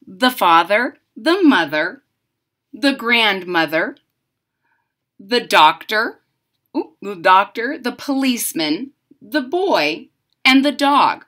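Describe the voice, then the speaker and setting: At home, a woman storyteller aged somewhere in her 30s or 40s gives an expressive read-aloud of a picture book, unhurried and emphatic for young listeners. Her pitch rises and falls in lively swings, her emphasis deliberate and dramatic, and she chats in asides along the way.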